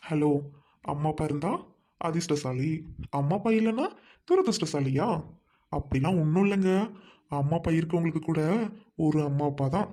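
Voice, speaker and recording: A woman playing a gentle, teasing young man. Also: low-pitched, lively intonation, moderate pace, long pauses. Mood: coaxing. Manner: soothing, coaxing, lightly joking. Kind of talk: amateur dialogue drama.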